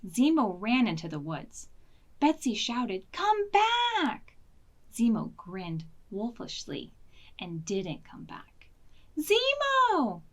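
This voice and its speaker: With lively intonation and a mid-range voice, a woman reads a picture book to preschoolers at an unhurried pace. As a children's library storytime reader, she leans into dramatic emphasis and questions the young listeners.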